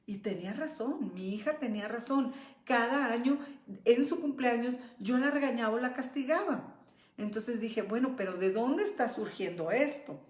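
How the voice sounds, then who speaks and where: A middle-aged woman telling a personal story in a lively way, acting out the voices of herself and her daughter. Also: on the high side, moderate pace, echoey room. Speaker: host.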